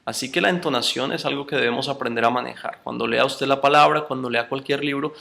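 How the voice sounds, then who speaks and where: Male instructor with a bright, gravelly voice, teaching patiently and calling his students brothers. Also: mid-range voice. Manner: addresses students as brothers, explains slowly with spoken examples. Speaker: course instructor. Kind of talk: recorded online lecture.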